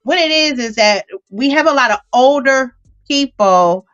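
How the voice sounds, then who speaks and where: A woman co-hosts a podcast in a casual interview chat, talking at length and rambling with lots of fillers and restarts. Her high-pitched, expressive voice is fairly bright and a little slow. The audio is dull and lo-fi.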